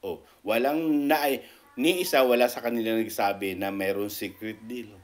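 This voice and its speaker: A man giving casual political commentary as a vlogger, animated and repetitive, his voice jumping up in pitch when he makes a point. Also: moderate pace. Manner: animated, repetitive, keeps asking "di ba?"; rises sharply in pitch when making a point.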